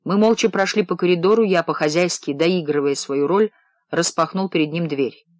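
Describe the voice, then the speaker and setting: A man reading a first-person novel aloud in a low, measured narrating voice. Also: dry recording. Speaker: audiobook narrator. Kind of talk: scripted narration.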